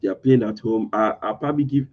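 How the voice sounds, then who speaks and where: A man hosting a casual football chat in a tinny voice with no bass, hesitant and full of fillers and restarts. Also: fast, slightly rough. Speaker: podcast host. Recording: thin lo-fi audio lacking bass.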